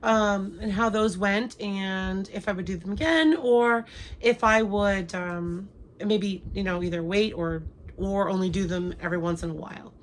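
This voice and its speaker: Unhurried and mid-range in pitch, a young crochet vlogger with a cold talks casually to her audience, often restarting and saying um. A slight hiss or hum sits under the recording.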